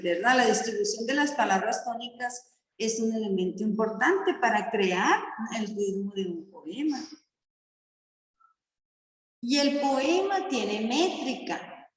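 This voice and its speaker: A woman primary school teacher explaining poetry to her class slowly and patiently, often checking that the children follow. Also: a little high. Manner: slow, patient explaining with frequent checking questions. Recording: echoey classroom with long reverb.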